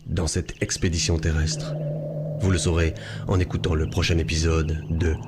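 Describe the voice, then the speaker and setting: A man's voice: extremely low pitch, flat delivery, normal speed, very noisy. A man playing a grave cliffhanger narrator, reading scripted narration for an audio serial. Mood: ominous.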